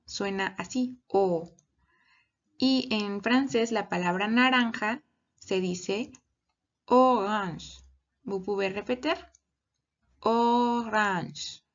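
Slow, patient woman teacher, lo-fi mic. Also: medium pitch. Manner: slow, patient, step-by-step instructions. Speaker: kindergarten teacher. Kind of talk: bilingual recorded lesson for young children. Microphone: computer microphone.

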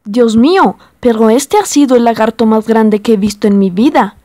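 Woman playing earnest high-voiced male explorer-scientist. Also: moderate pace, warm tone, close to an everyday voice. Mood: excited. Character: male Dutch explorer-scientist, earnest and excitable, old-time expedition.

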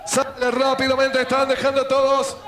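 Argentine man, wrestling play-by-play commentator. Very high, excited delivery with emphatic repetition, over a noisy live arena. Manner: emphatic, repeats phrases, drawn-out exclamations at big moves. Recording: loud crowd and arena noise. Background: wrestling crowd in small indoor arena.

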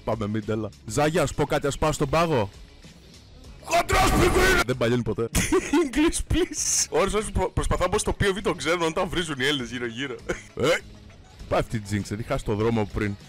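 A young man giving casual, excitable gameplay commentary, swearing and breaking into sudden shouts, his voice strained from shouting. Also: mid-range voice, over music. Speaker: gamer streamer.

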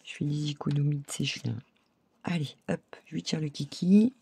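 A middle-aged woman talks viewers through a craft project in a chatty, casual way. Her voice is husky and gravelly, with a dark, low tone. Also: moderate pace. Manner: chatty, laughs often, addresses viewers directly. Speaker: craft tutorial host. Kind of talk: casual craft tutorial talk.

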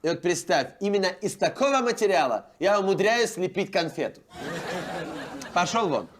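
A man's voice: high voice, big pitch swings, a little fast. An actor playing a cynical, scheming pop producer who mocks his singer in scornful, sarcastic Russian, in a comedy sketch. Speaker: music producer.

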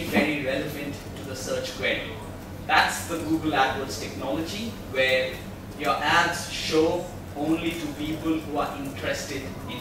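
A man explains his topic from the podium of a large meeting room at a tech meetup, stopping now and then to ask the audience questions. His voice is fairly high. The sound comes from a far camera mic and is noisy with heavy echo.

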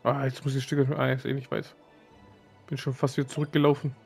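A man's voice: mid-range voice, monotone, fast, creaky, soft background music. A man giving casual gaming commentary, grumbling and talking to himself. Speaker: let's player.

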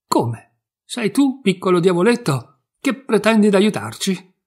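A man's voice: high voice, very animated, unhurried, a little mellow, pitched above the performer's own voice, full character voice. A man voicing a scheming male thief who mocks and plots, in a storybook reading. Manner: mocking, conspiratorial. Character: two scheming male thieves, mocking.

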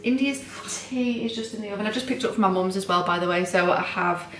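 A woman's voice: medium pitch, fast, a bit bright, a little hiss or hum. Young woman, student nurse, tired, rambling chatty vlog delivery, filmed at home on a camera set down nearby; roomy echo. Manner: rambling, chatty, self-deprecating, lots of fillers. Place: home, indoors.

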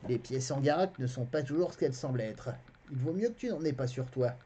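A reader doing a calm, protective old farmhand. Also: medium pitch, brisk, husky. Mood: calm, wary. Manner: calm, approving, a bit ominous. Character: gruff, protective older male farmhand. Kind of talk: fantasy novel read aloud. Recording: dull, lo-fi stream audio.

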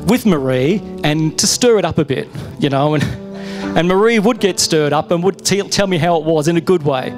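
A middle-aged Australian man with an Australian accent, appearing as a guest speaker, shares a personal testimony on a church stage through a handheld mic. He tells it in a chatty, conversational way full of restarts and self-interruptions, his voice a little high and his pace moderate, with music in the background.

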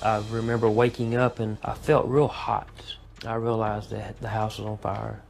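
A man gives halting personal testimony about a traumatic night. His voice is gravelly and stays flat and even. Music plays behind him. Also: lowish voice. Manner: halting, quiet, haunted retelling. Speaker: guest recounting a family tragedy.

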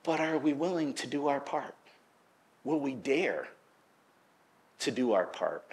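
A middle-aged man preaching a sermon in a church, telling a folksy story in a relaxed way and getting loud and lively as it peaks. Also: mid-range voice, a little slow. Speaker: pastor. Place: church sanctuary.

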